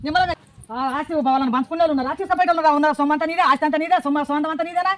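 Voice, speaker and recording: Fast-scolding high-voiced woman. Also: fairly even intonation. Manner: scolding, rapid-fire nagging. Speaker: comic actress playing a mother-in-law and villagers. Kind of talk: village comedy sketch acting.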